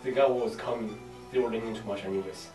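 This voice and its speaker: A young man playing a scheming, vengeful young mob heir named Hamlet, speaking defiantly in an amateur drama, recorded in an echoey room with loud music behind. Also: lowish voice, steady tone, quick pace, distant mic, close to an everyday voice. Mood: brooding. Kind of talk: amateur crime drama acting. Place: indoor house room.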